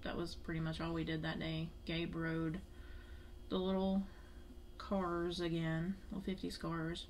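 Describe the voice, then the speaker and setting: A woman's voice: deep voice, completely flat delivery, a little slow, slight background noise. A woman hosting a family vlog, chatting casually as she reviews food.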